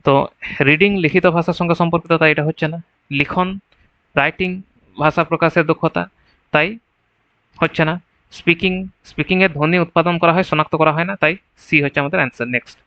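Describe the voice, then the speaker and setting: Fast-talking guy tutor, bright voice, keeps asking "right?", dry kinda dull audio. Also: on the high side, no room sound. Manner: explains answer choices step by step, often asks "right?". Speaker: exam prep teacher. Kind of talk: online exam-prep lesson.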